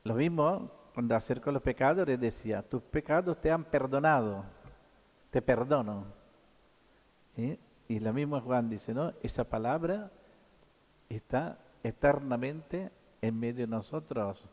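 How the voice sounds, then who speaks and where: A man preaching a halting sermon as priest at Mass, often pausing on short tag questions. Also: medium pitch, darkish tone, big-room sound. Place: church.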